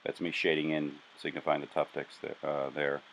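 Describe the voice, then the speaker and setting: A man narrating his own building sketch in a casual voice-over, with a self-described monotone and an easy, self-deprecating manner. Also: a bass voice, a little fast, creaky, a little hiss or hum, poor audio.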